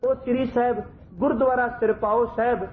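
A man telling a storytelling sermon as a preacher. He speaks straight to his listeners and slows down to chant lines of scripture. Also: very high voice, flat delivery. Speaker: Sikh religious preacher. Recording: tinny phone-like sound with faint noise.

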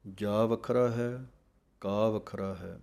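A man teaching how to recite scripture. He chants each verse very slowly, then calmly explains how it should be pronounced. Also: lowish voice, vocal fry. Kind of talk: slow recitation lesson with pronunciation notes.

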